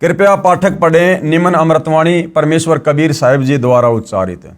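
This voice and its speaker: A man giving a devotional reading, reading prose passages quickly and then chanting verse couplets slowly in a rising sing-song. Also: a little high. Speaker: religious reader.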